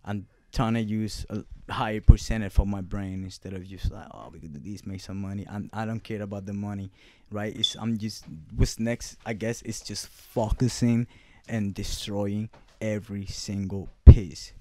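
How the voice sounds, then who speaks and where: Casually answering an interview, a Puerto Rican clothing brand founder whose first language is Spanish speaks in loose, cursing street talk with many fillers. His voice is lowish and level, at a measured pace.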